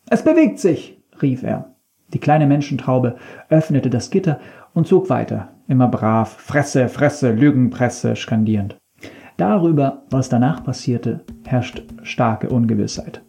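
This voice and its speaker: A man's voice: medium pitch, gravelly, mellow. A man narrating a satirical story in a dry, ironic, mock-serious tone.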